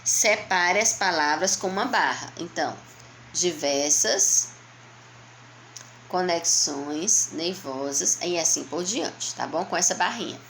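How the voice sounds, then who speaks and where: A woman with a Brazilian Portuguese accent, a primary school teacher going slowly and patiently through a workbook for young children, asking and answering her own questions. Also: fairly low pitch, lively intonation, sharp tone, a little hiss or hum. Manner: patient, slow, explaining step by step to young children. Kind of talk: remote lesson walking through a workbook.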